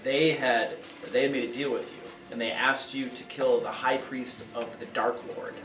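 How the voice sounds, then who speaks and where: A man's voice: medium pitch, flat delivery, normal speed, music in the background. A man narrating a tabletop game as game master, explaining the scene and checking that listeners follow. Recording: echoey room, distant mic, faint noise.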